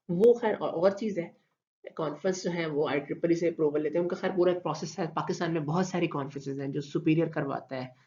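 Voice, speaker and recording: A man with a Pakistani Urdu accent giving a recorded online lecture, explaining slowly with repeated terms and many fillers. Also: on the high side, a little mellow. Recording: dull lo-fi recording.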